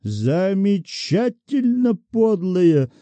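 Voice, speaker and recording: A man's voice: on the high side, sing-song, measured pace, dark tone, no echo. A man voicing a nervous, worn-out bank chairman who talks languidly and moans. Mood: fretting. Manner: languid, moaning, fretful.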